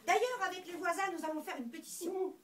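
Woman, comic stage monologue, high voice, swooping pitch, distant mic, roomy hall, faint hiss. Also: quick pace. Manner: lively storytelling with wordplay. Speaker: stage performer. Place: indoor stage before an audience.

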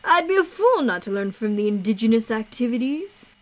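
A woman's voice: a little high, sing-song, a little fast, rough recording. A woman reading the lines of a formal, eloquent male traveler who dreams of founding a circus.

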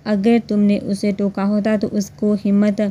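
A jealous, spoiled young woman with a sharp tongue, read by a woman narrator. She scolds in a haughty, dark-toned voice at a middle pitch. It is a spoken romance storybook. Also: steady tone, normal speed, lightly acted. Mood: angry, sulky.

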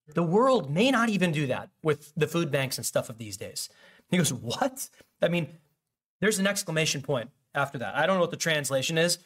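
A man's voice: fairly high pitch, a bit bright. A man preaching a sermon as pastor, in a conversational, jokey way full of asides, with frequent fillers and restarts.

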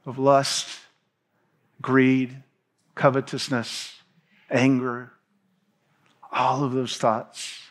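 A man in his thirties preaching a sermon from a church stage, reading scripture and gesturing as he speaks. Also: mid-range voice. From Tennessee. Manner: preaching with hand gestures, animated pacing, reads scripture aloud. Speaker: pastor.

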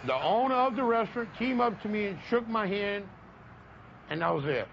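A man from Louisiana with a Southern drawl recounts events slowly and in careful order, his voice sitting quite high. He is recorded outdoors, and the sound is dull and lo-fi with faint traffic behind him. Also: animated, vocal fry, a bit bright. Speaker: interviewee. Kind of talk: storytelling in an interview. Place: outdoors by a roadside.

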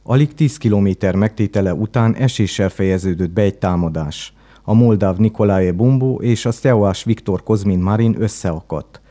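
A man reading a scripted local news report in a measured, even delivery. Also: fairly low pitch. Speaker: news narrator.

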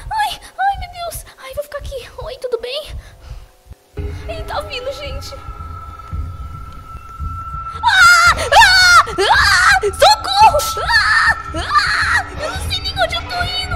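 A woman voicing a sporty, easily frightened young female pony in a game, with a Brazilian Portuguese accent, talking jittery and squealing while playing. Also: very high voice. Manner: jittery, squealing and shrieking when scared. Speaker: gaming youtuber. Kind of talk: let's play commentary in character. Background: game music.

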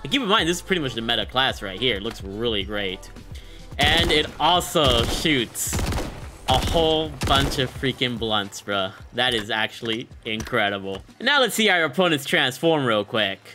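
A gaming YouTuber in his late twenties reviews a bundle with hyped, slangy, chuckling streamer talk, sitting close to the mic in a small indoor gaming room while faint music plays. His mid-range voice swings widely in pitch at a moderate pace, and the commentary stays casual throughout.

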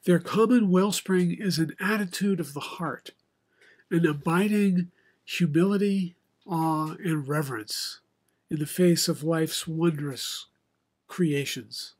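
An older man, preaching a sermon from a home study with bookshelves into a webcam, in a measured, reflective way with many pauses. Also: fairly high pitch, husky. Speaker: pastor. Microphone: video call webcam, head and shoulders.

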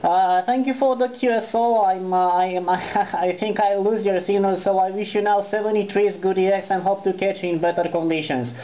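This man has a high-pitched, steady voice at a moderate pace with few pauses, and a Romanian accent. Seated at a desk beside his transceiver indoors, he makes an amateur radio contact in a courteous, formulaic way, spelling phonetically. The sound is dull and lo-fi with faint noise.

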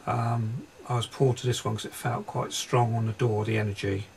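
A man working as a psychic medium, describing impressions in a halting, hesitant way inside a railway carriage during a paranormal investigation. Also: mid-range voice, level tone, gravelly, darkish tone, a little hiss or hum.

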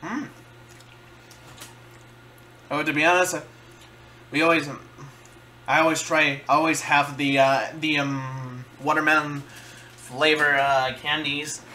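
A man doing a casual food-tasting vlog, halting and searching for words as he chews and talks. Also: a little high, fairly even intonation, pushed and bright, slight background noise. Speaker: vlogger.

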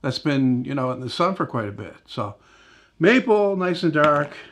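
Hosting a woodworking video indoors in his home workshop, a middle-aged man speaks slightly high with big pitch swings, a moderate pace and a fairly bright tone. His casual demo talk rambles, corrects itself, and leans on "right?" and "you know".

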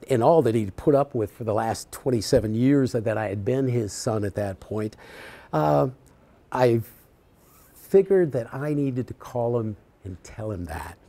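Gravelly, reflective retiring male professor. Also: medium pitch, mellow. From US Midwest. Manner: reflective, heartfelt, halting with fillers. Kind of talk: farewell lecture storytelling. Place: lecture hall.

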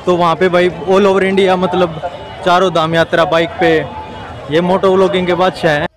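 A young man with a high-pitched voice chats with his viewers at a moderate pace and a level tone as he strolls through a busy outdoor market. He holds the camera at arm's length and calls his audience "brother" in this casual walking vlog. Crowd chatter and the noise of the packed street fill the background.

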